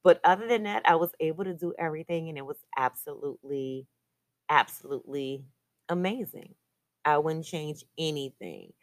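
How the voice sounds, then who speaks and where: A woman's voice: sits low, lively intonation, normal speed, no echo. A woman hosting her own podcast, talking in an upbeat, chatty way. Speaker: podcast host. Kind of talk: casual solo podcast chat.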